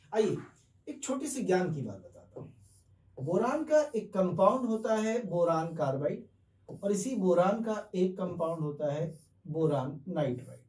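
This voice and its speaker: In an echoey classroom, a chemistry teacher lectures step by step, asking questions he then answers and slipping in English terms. His voice is on the high side with a darkish tone, and he stands far from the microphone.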